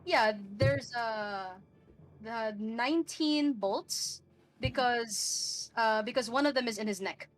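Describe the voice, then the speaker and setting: A woman's voice: on the high side, slow pace. A woman with a Filipino accent improvising tabletop game narration as game master, hesitant and encouraging.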